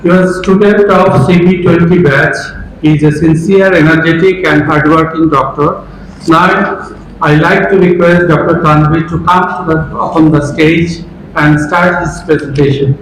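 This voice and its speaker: A man formally introducing a colleague's talk, pausing with hesitant fillers. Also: fairly high pitch, fairly even intonation. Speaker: moderator introducing a speaker. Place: hospital lecture hall. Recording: very echoey hall with hum.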